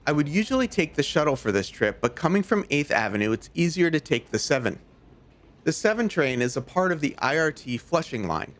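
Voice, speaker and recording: A man's voice: a little high, fairly bright tone. A man narrating an informative guided tour as a travel host. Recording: faint background noise and ambience.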